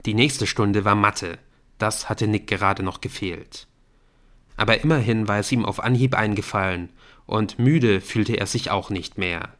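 Man, audiobook narrator, low voice, steady even reading. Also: a little slow.

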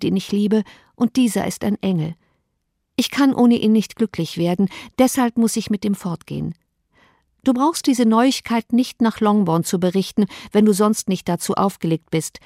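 A woman's voice: mid-range voice, mellow, no echo, clean studio sound, lightly acted. A woman voicing a giddy, thoughtless teenage girl in a read-out letter, with a breathless, carefree manner, in an audiobook reading.

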